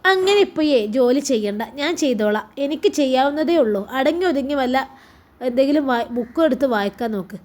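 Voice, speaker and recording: A woman's voice: sits high, animated, fairly quick, a little mellow. Woman reading as young husband, protective, scolding, fussy, Malappuram accent, storybook. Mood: worried. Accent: Malappuram Malayalam.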